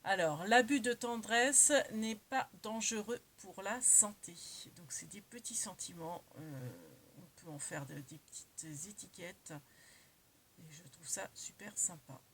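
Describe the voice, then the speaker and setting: A crafting vlogger with a medium-pitched, fairly bright voice casually shows off her craft-supply purchases at a measured pace. She's chatty yet hesitant, using many fillers and correcting herself often, with a little hiss or hum in the audio.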